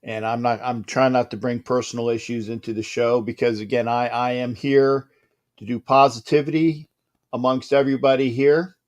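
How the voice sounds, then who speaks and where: A sports talk show host with a mid-range, level-toned voice speaks on a live stream sounding upset and subdued. He talks softly, stutters, restarts often, and trails off into pauses.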